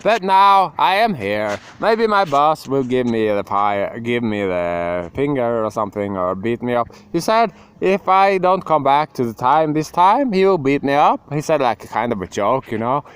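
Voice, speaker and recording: A man's voice: mid-range voice, sing-song, normal speed, hardly any pauses, clear, resonant tone. A young man rambling emotionally to the camera in a casual monologue, breaking into laughs and sudden outbursts. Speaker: vlogger.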